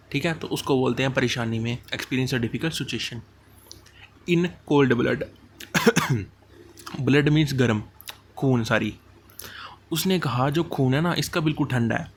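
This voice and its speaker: A man teaches exam idioms in a relaxed, chatty lecture, mixing Hindi and English and spelling out meanings through everyday examples. His voice sits at an ordinary middle pitch. A faint hiss of background noise runs under the recording. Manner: explains idioms with homely examples, slow at English phrases.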